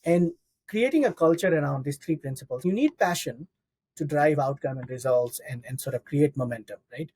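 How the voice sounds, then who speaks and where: Mellow, husky man, reflective and searching. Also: fairly high pitch, expressive, moderate pace. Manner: reflective, frequent "right?" tags. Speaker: executive guest. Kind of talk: podcast interview answer.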